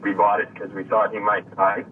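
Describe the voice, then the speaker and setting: A man from Connecticut calling in over the phone, talking in a halting, deadpan way with lots of fillers. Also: fairly low pitch. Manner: hesitant, halting with many fillers, dry deadpan humor. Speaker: caller. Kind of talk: casual call-in chat. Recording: tinny distant phone line with faint hiss.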